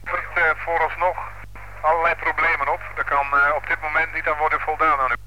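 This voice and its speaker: A man's voice: on the high side, little pitch movement, fast. A man at a police command post, giving orders over a walkie-talkie in clipped radio procedure, closing with "over". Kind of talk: two-way radio traffic. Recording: crackly archival radio transmission.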